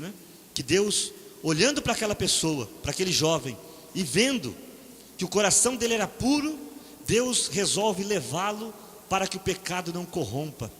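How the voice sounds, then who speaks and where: Middle-aged Brazilian preacher, bright sharp tone, folksy storyteller, faint room noise. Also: male voice, high voice. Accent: Brazilian Portuguese. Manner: conversational, frequent "né?" tag questions; acts out quoted voices in storytelling. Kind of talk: sermon with personal stories. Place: church hall. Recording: reverberant hall, faint ambient noise.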